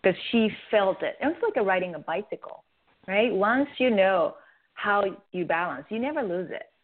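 A woman from Japan, a face yoga creator, is a radio interview guest earnestly explaining her method in a Japanese accent, animated and restarting sentences. Her voice is medium-pitched at a moderate pace, heard over a tinny phone line.

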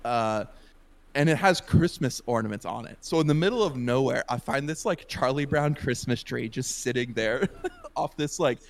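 A man's voice: medium pitch, moderate pace, creaky. A young man, a podcast guest, telling a long story in a casual, rambling way, with lots of fillers and laughs, over a voice call.

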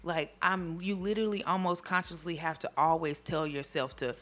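A man's voice: fairly high pitch, steady tone, normal speed, fairly bright tone. A man, hosting a casual conversation.

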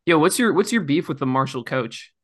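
A man's voice: on the high side, expressive, a little fast. A young man co-hosting a sports podcast, joking and bantering in casual chat. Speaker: podcast co-host.

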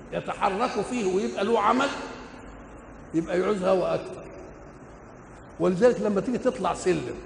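An older Egyptian man preaching in a high, gravelly voice. He keeps posing questions to his audience and answering them himself. The old recording rings with long hall reverb over a faint hiss. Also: a little mellow. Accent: Egyptian Arabic. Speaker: preacher explaining the Quran. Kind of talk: colloquial religious lecture.

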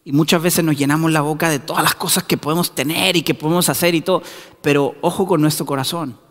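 A man's voice: a little high, fairly even intonation, quick pace, long reverb tail. A man preaching a sermon in a church, building up to emphatic repeated calls. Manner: rising to emphatic shouted repetitions.

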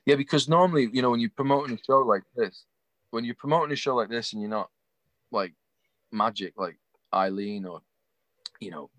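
A man's voice: mid-range voice, a little fast, pauses often, a bit bright, no echo. A man, chatting casually and telling stories on a video call, swearing freely. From England. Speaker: show promoter on a video call. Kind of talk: casual chat.

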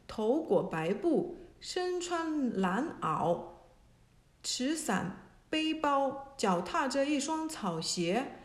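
A woman narrating a classic myth as a storybook reading. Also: high voice. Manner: slow, even storytelling. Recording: echoey room.

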